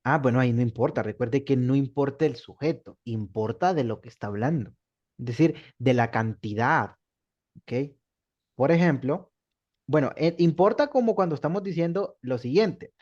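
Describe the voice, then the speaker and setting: A man teaching a beginner English class, explaining patiently and repeating examples slowly. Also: mid-range voice, darkish tone. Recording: dull lo-fi sound.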